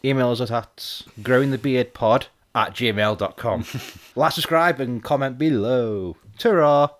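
A man's voice: mid-range voice, measured pace. A man co-hosting a podcast, telling stories in casual chat and laughing at his own jokes. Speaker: podcast co-host.

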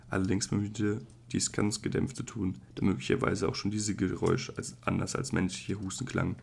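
A man narrating a literary audiobook in a measured, even way, with occasional slips. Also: low voice, vocal fry, husky.

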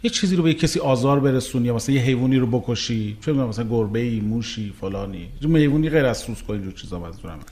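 A man's voice: medium pitch, lively intonation, hardly any pauses, darkish tone. A man conducting an interview, asking persistent, searching questions and often repeating the answers back. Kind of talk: probing interview.

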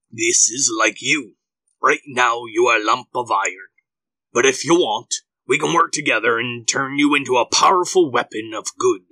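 A man voicing a patient dwarf smith who speaks to his pupil in a steady, teaching way in a told story. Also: medium pitch, no room sound, low-quality recording.

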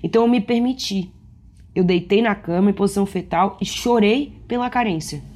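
A woman giving an earnest, reflective talk to camera about feelings. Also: medium pitch. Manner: earnest, reflective, unhurried with soft asides. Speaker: emotional wellness speaker.

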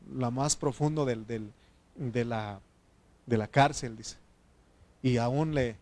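A man preaching a sermon as pastor, fervently calling his listeners brother and putting questions to them. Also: medium pitch. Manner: asks the congregation questions.

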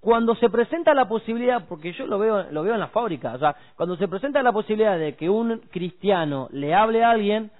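A man's voice: sits high, expressive, a little fast, hardly any pauses. A man, talking about faith on a radio show in a preachy, emphatic way and using homely examples. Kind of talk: casual devotional radio chat. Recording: tinny phone-like radio audio.

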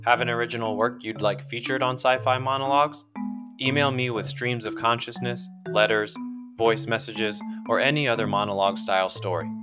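A man's voice: mid-range voice, steady tone, brisk. Male podcast host over marimba music. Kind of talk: scripted podcast introduction.

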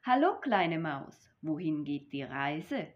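A woman's voice: low voice, big pitch swings, takes it slowly, voice pushed down, exaggerated voice. A woman voicing a sly male fox in a read-aloud storybook, coaxing and friendly, on a dull lo-fi recording.

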